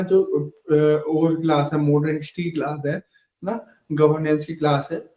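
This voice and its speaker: A fairly high-voiced man gives an exam-prep lecture to students. He explains patiently and keeps checking understanding with short tag questions. The room is echoey and the audio is dull and lo-fi. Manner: dictates notes slowly. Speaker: teacher.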